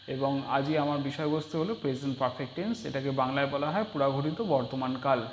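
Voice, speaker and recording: A man teaching a spoken English lesson in Bengali, patiently repeating example sentences in slow drills. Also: medium pitch, a little hiss or hum. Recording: echoey room with long reverb.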